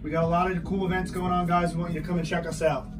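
A young barber makes his sales pitch for bookings, filling gaps with casual fillers, in a fairly high voice. He sits a little away from the phone mic, and music plays in the background. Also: level tone, very fast, distant mic, poor audio. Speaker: barber and shop co-host. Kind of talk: promotional vlog chat. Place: inside a barber bus.

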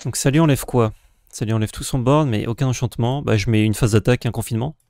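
A man co-hosting casual gameplay commentary, thinking aloud and counting out his plays in a relaxed way. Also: medium pitch, fast talker, no room sound, clean studio sound. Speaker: co-host playing the game.

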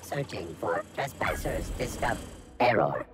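A voice playing a malfunctioning security robot that glitches and repeats error messages in flat, mechanical announcements. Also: medium pitch, measured pace.

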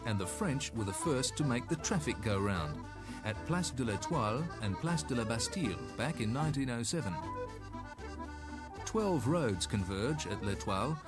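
A man with an Australian accent and a mid-range voice narrates a scripted 1980s road safety film in an instructive, slightly folksy way.

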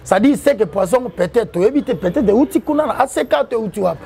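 A man's voice: very high-pitched, expressive, fast talker, gravelly, mellow, slight background noise. A man, talking in an interview with a preachy manner and quoting the Bible. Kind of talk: interview mixing French and Lingala.

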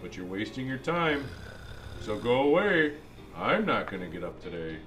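Playing a jolly old Santa Claus, a man reads a picture book to kids with a very animated, fairly bright mid-range voice pushed down, at normal speed. He's playful and insistent, exclaiming and tossing in chatty asides between lines. Music sits behind him.

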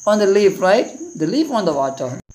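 A woman's voice: medium pitch, big pitch swings, warm tone. A woman with a Malayali accent teaching an online primary school lesson, asking questions and praising answers. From India. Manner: slow, coaxing, asks children questions and praises answers.

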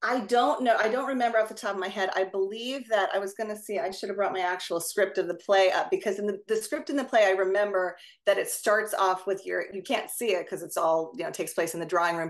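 Chatty woman leading a video call discussion. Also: mid-range voice. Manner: chatty, digressive, quick asides. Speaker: discussion leader. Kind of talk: casual academic discussion over video call.

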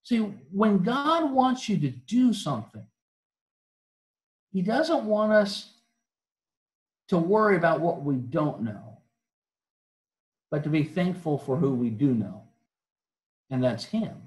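A man with a fairly high voice delivers an earnest sermon full of direct questions to his listeners. He often stumbles and restarts mid-phrase. The sound carries the echo of a church auditorium. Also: big pitch swings, slow, pauses often. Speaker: preacher. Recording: echoey church hall.

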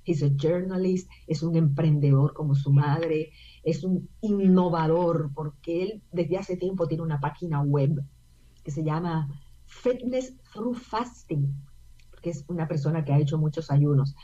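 Speaking over a dull, lo-fi video call from her home, an older woman from Puerto Rico recounts her life as an actress and singer, her talk full of fillers in a casual interview. She has a Puerto Rican Spanish accent and a low, unhurried, dark voice with a breathy edge.

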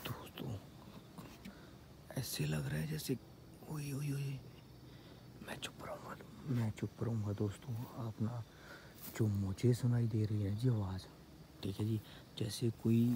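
A man filming a night ghost-hunting vlog outdoors on a handheld camera, jumping from startled loud cries to hushed whispers. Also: medium pitch, background noise. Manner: jumpy, exclaims often, switches between loud cries and hushed whispers. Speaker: paranormal vlogger.

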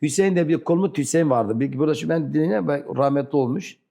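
A man with a southeastern Turkish accent tells personal stories in broken, non-fluent Turkish, halting and repeating himself. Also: fairly high pitch, vocal fry, dark tone. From rural southeastern Turkey. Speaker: interview guest. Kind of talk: animated personal storytelling.

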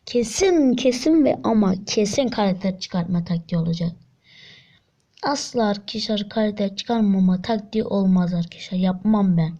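A woman giving excited gameplay commentary, getting frustrated, counting rolls aloud and swinging between whispers and shrieks. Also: medium pitch, moderate pace. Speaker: gaming video creator. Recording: dull lo-fi sound.

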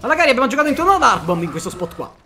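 A young man in his twenties with an emphatic, excitable delivery, swearing as he comments live on a game with friends. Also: very high-pitched, rapid-fire, a crowd in the background. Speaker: streamer playing a card game. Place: indoor room.

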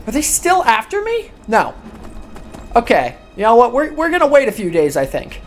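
Woman gamer cussing out npcs, voice bouncing all over, fed up and loud. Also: fairly high pitch, wildly swooping pitch, moderate pace, a little hiss or hum. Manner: profane, exasperated, often yelling at characters. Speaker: gaming video host. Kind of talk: let's play commentary.

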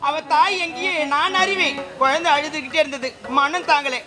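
A woman's voice: high voice, normal speed, natural voice. A woman playing a tender, tearful young bride-to-be in an open-air folk stage drama, with an emotional, pleading delivery.

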